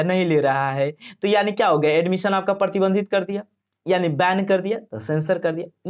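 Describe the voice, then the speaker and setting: A young man leads a vocabulary lesson for exam prep, using memory tricks to explain words and posing questions that he then answers himself. His voice is high.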